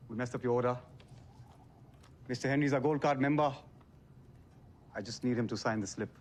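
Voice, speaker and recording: A man's voice: medium pitch, normal speed, close to an everyday voice. An actor playing a flustered young British pizza delivery man who keeps insisting, growing exasperated.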